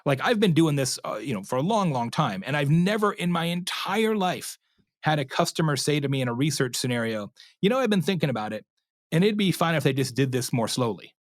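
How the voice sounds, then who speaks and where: His voice sits on the high side and runs a little fast, captured with studio quality and no echo. The man, an expert interview guest, explains in a chatty way, animatedly acting out imagined quotes from customers and tossing in "right?" along the way.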